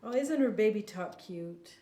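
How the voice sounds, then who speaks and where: A woman's voice: medium pitch, lively intonation, measured pace, warm tone, lightly acted. An actress playing a sarcastic, confrontational young woman arguing with her mother in an audio drama. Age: young adult. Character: sharp-tongued grown daughter, Penelope.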